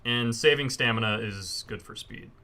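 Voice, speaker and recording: A man's voice: fairly low pitch, normal speed, bright, forceful tone. A man talking viewers through a game in a casual, informal tutorial style, explaining things step by step. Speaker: speedrunner giving a tutorial. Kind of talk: casual gameplay tutorial commentary.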